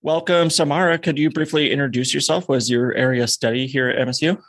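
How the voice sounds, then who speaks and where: A man hosting a podcast, asking relaxed, curious questions with casual fillers. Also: mid-range voice, fast talker. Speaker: podcast host. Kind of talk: casual interview.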